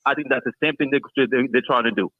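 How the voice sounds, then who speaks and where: A man's voice: medium pitch, quick pace, dry recording. A man from Cameroon calling in to a sports show, who keeps restarting and repeating words before he gets his point out. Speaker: caller. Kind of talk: phone-in call to a sports show. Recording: tinny phone line.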